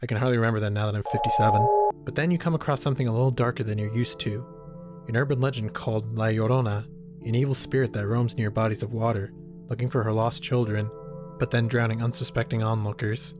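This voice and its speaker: Fast and steady, with a voice on the low side, a YouTube horror reviewer offers a comedic video essay full of sarcasm, jokes, and casual swearing. Background music runs beneath him.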